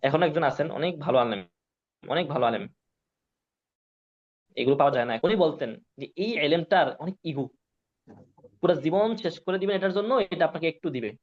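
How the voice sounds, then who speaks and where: A male Quran teacher from Bangladesh runs a class lesson, drilling each syllable and asking again and again if everyone understands. His voice sits fairly high for a man. The recording is dull and lo-fi. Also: fairly quick, pauses often. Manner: drills syllables, keeps asking if students follow. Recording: dull lo-fi sound.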